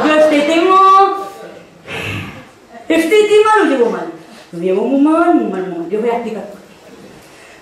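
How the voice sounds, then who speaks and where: High-voiced sarcastic Spanish woman on stage. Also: a little hiss or hum. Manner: sarcastic, animated storytelling. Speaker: youth group monitor doing a monologue. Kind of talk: stand-up comedy monologue. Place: theatre stage with live audience. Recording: echoey hall from far off, audience.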